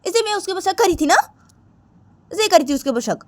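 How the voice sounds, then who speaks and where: A woman's voice: very high-pitched, lively intonation, a little fast, pitched above the performer's own voice. A woman voicing Ritu, a suspicious young woman angrily scolding her friend and ending their friendship. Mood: angry. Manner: scolding, repeats herself insistently.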